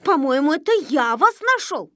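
Brief: a woman playing a lecturing little know-it-all boy from a storybook, high voice, dry close sound. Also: sing-song, moderate pace, fairly bright tone, dry recording. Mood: reproachful. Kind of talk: storybook reading.

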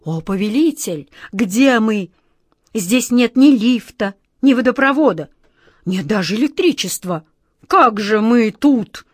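A woman's voice: fairly high pitch, expressive, no echo, clean studio sound. A woman voicing a frightened, whiny male genie who pleads in a trembling voice, for an audiobook. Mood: pleading, fearful. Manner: trembling, pleading, slow drawn-out wails. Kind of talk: audiobook reading.

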